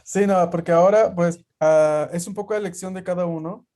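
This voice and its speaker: A man's voice: high voice, steady tone, fairly quick, dark tone. A man teaching a language class over a video call, explaining patiently with many fillers. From Peru.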